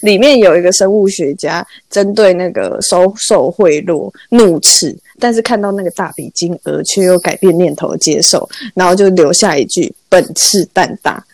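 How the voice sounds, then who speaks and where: A woman's voice: on the low side, normal speed, few pauses, a little mellow, no echo. A young woman co-hosting a casual chat, laughing constantly as she talks. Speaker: podcast co-host.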